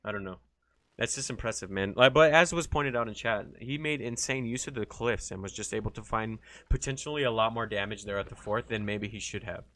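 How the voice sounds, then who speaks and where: A man's voice: lowish voice, brisk, fairly bright tone. A man casting a live strategy game match in a loose, chatty way, swearing freely. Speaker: esports caster. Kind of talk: casual live game commentary.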